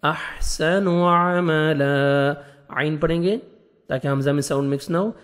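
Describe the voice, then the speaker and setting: A patient male teacher, somewhat high in pitch, who goes through the rules of recitation letter by letter and then chants the verses slowly and melodically. His voice carries a long reverb, as if heard in a large hall. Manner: patient, step-by-step letter instruction. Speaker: Quran reading teacher. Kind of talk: tajweed lesson, slow recitation between explanations.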